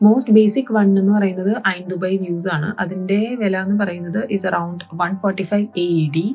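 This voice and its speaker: A woman's voice: mid-range voice, fairly even intonation, a little slow, darkish tone, faint music behind. Malayali woman explaining in mixed Malayalam and English. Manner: mixes Malayalam and English mid-sentence. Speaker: travel vlogger. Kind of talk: informative vlog narration.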